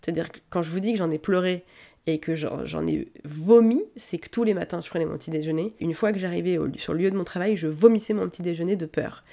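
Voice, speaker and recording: A woman with a slightly low voice tells workshop stories in a relaxed, conversational way. She speaks to her listeners directly, as if chatting with a friend. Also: fast, gravelly. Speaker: lingerie seamstress sharing workplace stories. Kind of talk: casual storytelling monologue.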